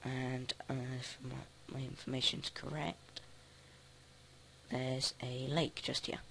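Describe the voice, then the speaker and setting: Male let's play host, flat gravelly delivery, casual halting commentary, faint hiss behind. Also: mid-range voice. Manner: flat, halting, thinks aloud with many restarts.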